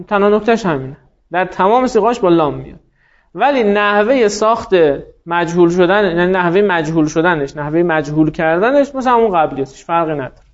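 A man teaching a grammar class in a notably high voice, walking through each rule step by step. He keeps turning to students with questions, calling on them by name. The recording is dull and lo-fi. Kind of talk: classroom lecture.

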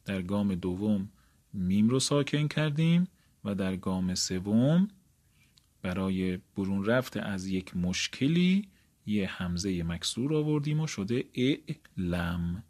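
A man's voice: on the low side, expressive, darkish tone. A man teaching an Arabic grammar lesson. He reads from a textbook and explains each step, often asking a question and then answering it himself. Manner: step-by-step, asks and answers his own questions; reads textbook lines, then explains them in his own words.

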